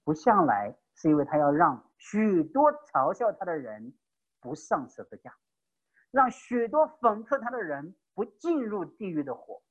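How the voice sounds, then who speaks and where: A man preaching an evangelistic sermon with passion, swinging between loud emphatic peaks and hushed low phrases. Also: big pitch swings, a little slow, highs cut off.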